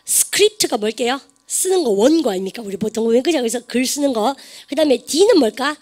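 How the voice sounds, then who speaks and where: A woman teaching an online English grammar lesson, quizzing her students with quick questions. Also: high-pitched, expressive, darkish tone.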